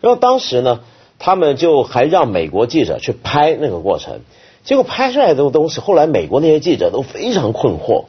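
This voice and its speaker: A man's voice: a little high, brisk, slightly rough, dull audio. A man, a regular panelist, telling a story in a casual panel chat. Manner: lively storytelling.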